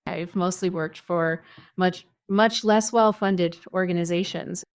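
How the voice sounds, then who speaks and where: A woman's voice: fairly low pitch, steady tone, a little slow. A middle-aged woman, a human rights lawyer, answering interview questions in a thoughtful, frank way with wry humor.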